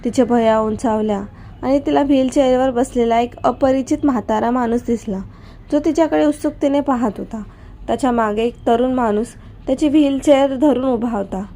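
Woman narrating a story, mellow. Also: on the high side, a little hiss or hum.

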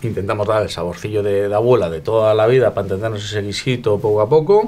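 Young chef with a lowish voice. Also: male voice, fast talker. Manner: relaxed, explanatory, with fillers. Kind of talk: casual interview answers. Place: restaurant dining room.

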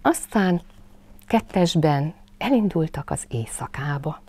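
A woman narrating a children's storybook slowly, dropping to a soft hush. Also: low voice, lively intonation, no room sound. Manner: slow, hushed, soothing narration.

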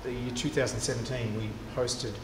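Guy talking slow and thoughtful in a big cathedral, lots of um, roomy sound with a long tail. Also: mid-range voice, steady tone. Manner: thoughtful, many ums and restarts. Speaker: cathedral director of music. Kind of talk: casual interview answers. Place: large cathedral interior. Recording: echoey cathedral with long reverb and clear background noise.

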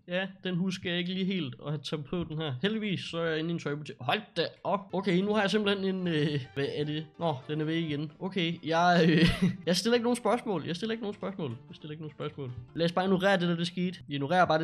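A young man casually commenting as he plays an online role-play game, joking and laughing at himself. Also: a little high. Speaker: streamer playing a role-play server.

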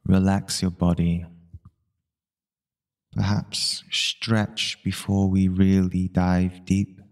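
A low-pitched man leads a guided meditation, calmly giving instructions in short, unhurried phrases separated by long pauses.

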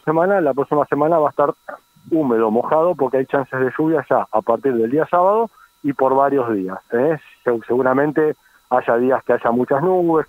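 An Argentine man reports the weather conversationally on a radio call. His pitch is average and the sound is narrow and phone-like, with no room echo. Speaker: weather forecaster.

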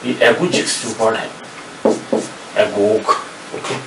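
Older Indian professor lecturing in an echoey room. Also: male voice, fairly low pitch, slow, vocal fry. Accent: Indian English. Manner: explains patiently, repeats and spells out words. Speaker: professor teaching English word roots. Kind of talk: classroom lecture mixing Hindi and English. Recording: echoey room, distant mic, noisy.

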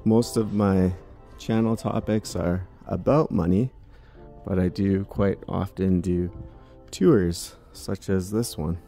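A man with a low, warm, creaky voice speaks slowly and steadily while faint music plays. He wanders a large indoor department store vlogging a walking tour on a handheld phone, offering chatty, musing remarks to himself.

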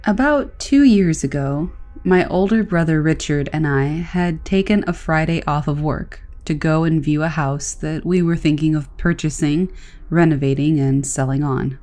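A woman reading stories aloud as a narrator, in a calm, even storytelling manner. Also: low voice.

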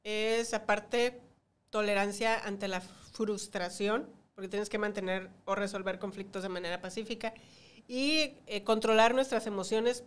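A woman's voice: medium pitch, fairly even intonation, unhurried, smooth. A woman co-hosting a podcast, chatting casually and prompting her co-host with questions. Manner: prompts and teases her co-host, laughs often. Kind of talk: casual chat.

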